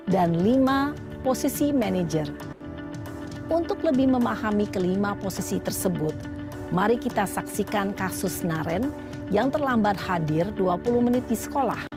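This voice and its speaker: A woman narrating a teacher-training lesson in a clear, measured, explanatory way. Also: medium pitch. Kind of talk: scripted educational narration. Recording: voice-over over music. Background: background music.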